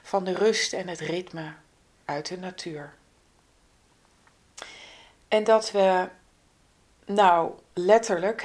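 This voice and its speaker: A woman with a slightly low voice and plenty of vocal fry delivers a spiritual astrology forecast. She speaks very slowly and gently, in an instructive way. Her phrases often sink into a breathy near-whisper.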